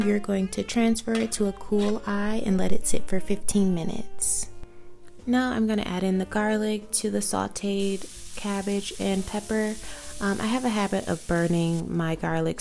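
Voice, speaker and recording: A young woman casually talking through a recipe step by step as she cooks, with a relaxed, easygoing manner. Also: medium pitch, moderate pace, creaky, faint music behind. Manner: relaxed step-by-step narration with fillers. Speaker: cooking vlogger. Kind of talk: casual cooking walkthrough.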